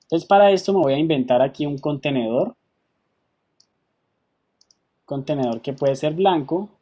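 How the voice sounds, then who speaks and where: Patient male software teacher. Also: a little high, expressive, fairly quick. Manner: patient step-by-step explaining, checks in with students. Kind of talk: online software class.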